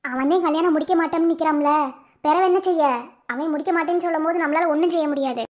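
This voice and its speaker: A woman's voice: high-pitched, steady tone, fast, a little mellow, pitched below the performer's own voice, close to an everyday voice. A woman voicing a firm, comforting elderly village grandmother in a cartoon, with a Madurai Tamil accent. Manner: firm, reassuring. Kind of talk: cartoon voice acting.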